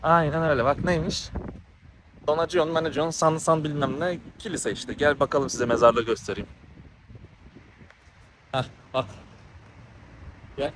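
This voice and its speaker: A fairly high-pitched man talks into a handheld camera as he walks down a street, audibly out of breath. He speaks in a heated, ranting way and keeps repeating his points. Clear street noise sits around his voice. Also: steady tone, unhurried, long pauses, a bit bright. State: out of breath from walking. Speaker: travel vlogger. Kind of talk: walking vlog monologue. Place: outdoors on town streets. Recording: noisy outdoor street recording.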